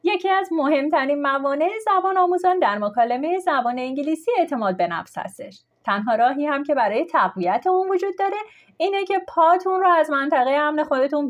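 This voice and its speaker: A woman reading a scripted language lesson, explaining with clear, steady delivery. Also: high voice. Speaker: language teacher.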